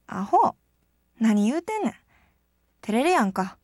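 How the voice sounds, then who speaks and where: A woman's voice: fairly high pitch, sing-song, unhurried, background noise. An actress voicing a blunt, teasing young idol girl in a dating game, speaking with a Kansai accent.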